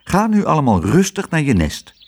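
A man voicing a resourceful cook in a storybook reading, talking briskly and reassuringly. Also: fairly high pitch, huge pitch swings, vocal fry, a little mellow, voice pushed up, exaggerated voice.

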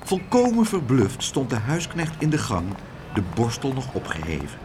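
A male storyteller reading a children's book aloud. His voice swings widely up and down, and he keeps the telling lively and expressive. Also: mid-range voice, normal speed, background noise. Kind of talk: storybook narration.

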